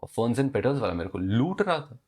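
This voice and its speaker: Lively young man telling a story. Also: normal speed. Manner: animated, acts out dialogue with rising pitch. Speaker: vlogger. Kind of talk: casual storytelling.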